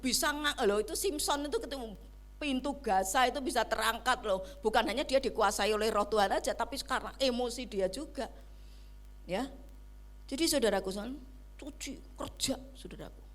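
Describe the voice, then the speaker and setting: A woman pastor preaching a sermon in church, switching between loud emphasis and near-whispered asides. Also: high voice.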